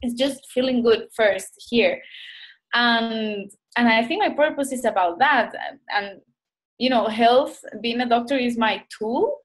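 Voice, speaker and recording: Her pitch fairly high and her pace unhurried, a woman doctor from Costa Rica speaks as a guest on a rough recording. She's reflective, frequently restarting as she looks for words.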